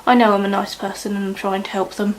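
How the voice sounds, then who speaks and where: Young woman, mid-pitched, rambling get-ready-with-me chatter, faint hiss behind. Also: flat delivery, quick pace, low-quality recording. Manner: rambling, chatty, lots of "like" and "you know". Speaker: beauty vlogger. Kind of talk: casual chat while doing makeup. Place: indoors at home, doing makeup.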